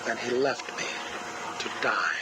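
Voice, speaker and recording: A cold, grieving scientist who measures every word and lingers on his loss. He is heard through the hiss of a played-back cassette tape. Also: medium pitch. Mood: mournful. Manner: slow, controlled, mournful delivery. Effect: played back from a cassette tape recording. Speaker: interview subject. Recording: hissy cassette tape playback.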